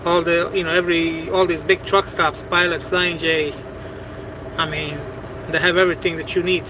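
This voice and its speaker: A man talks loosely to his live chat from a parked truck, stacking "you know"s and doubling back on his words. His voice sits a little high for a man, and a clear hum of air conditioning and passing vehicles fills the cab behind him. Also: level tone, normal speed. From Bosnia. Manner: rambling, repeats words, many "you know"s. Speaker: truck driver and livestream host. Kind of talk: casual livestream chat answering viewers.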